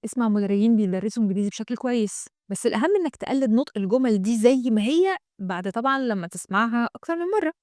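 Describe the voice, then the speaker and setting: Egyptian lady english teacher, quick and a bit high, dry close sound, talks right at you. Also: no echo. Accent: Egyptian Arabic. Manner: lively, addresses the viewer directly, models English phrases slowly. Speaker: English trainer. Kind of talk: online English lesson.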